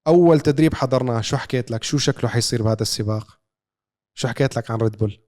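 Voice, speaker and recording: A man's voice: mid-range voice, racing, darkish tone. A man with a Levantine Arabic accent, co-hosting a podcast with a casual sports recap, told like a story with rhetorical questions. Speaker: podcast co-host.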